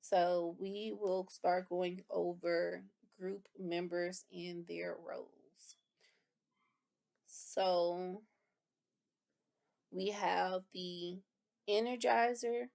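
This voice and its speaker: A woman's voice: lowish voice, vocal fry, a little mellow. A woman reviewing course material in a lecture, explaining terms and rephrasing them with casual fillers. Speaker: instructor.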